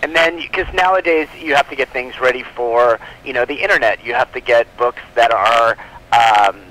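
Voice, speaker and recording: As an interview guest, a comic book publisher chats casually about his business, rambling informally and often rephrasing mid-sentence. His mid-range voice moves at normal speed with a bright, forceful tone. The rough recording carries slight background noise.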